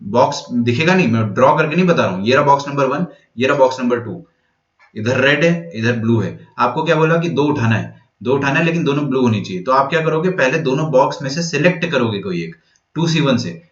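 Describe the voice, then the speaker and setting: Lively male maths teacher, echoey lo-fi recording. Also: medium pitch, fairly quick. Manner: lively, asks and answers his own questions; mixes English phrases into Hindi. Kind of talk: exam-prep lecture. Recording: echoey room, dull lo-fi sound.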